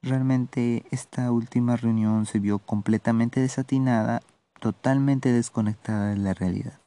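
A man with a Peruvian accent hosting a solo podcast, giving political commentary in a measured, sardonic way with halting pauses. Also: mid-range voice, steady tone, mellow, dry recording. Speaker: podcast host.

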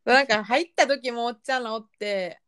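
A woman's voice: fairly high pitch, fairly quick, fairly bright tone, clear, resonant tone, no echo, clean studio sound. Easygoing Kansai woman co-host. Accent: Kansai Japanese. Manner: easygoing, laughs often, frequent backchannels. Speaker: podcast co-host. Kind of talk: casual chat.

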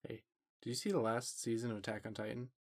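Mid-pitched improv man, offhand and distracted, dry close sound. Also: flat delivery, quick pace, no echo. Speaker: improv player. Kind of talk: improvised comedy role-play.

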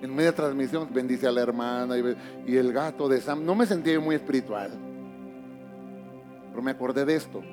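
A middle-aged man, a pastor, preaching a sermon in a church, moving from booming emphasis to hushed asides. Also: a little fast, pauses often, music in the background.

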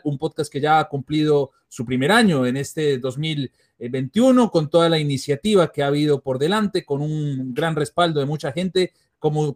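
Male sports journalist from Colombia, slightly high voice, fervent fan chatter. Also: darkish tone. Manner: enthusiastic, rambling with fillers. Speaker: podcast guest, sports journalist. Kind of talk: casual podcast chat.

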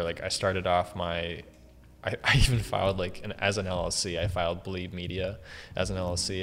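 A man's voice: low-pitched, a bit bright. A man, a filmmaker, chatting casually in a rambling way full of "like" and "you know", his voice carrying a big hall echo. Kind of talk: casual group chat. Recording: echoey hall reverb.

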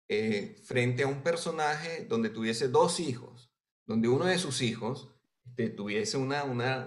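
A man's voice: medium pitch, roomy sound. A Venezuelan man, a writer, answering interview questions thoughtfully with many hesitations and tag questions. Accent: Venezuelan Spanish with Argentine touches. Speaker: writer guest.

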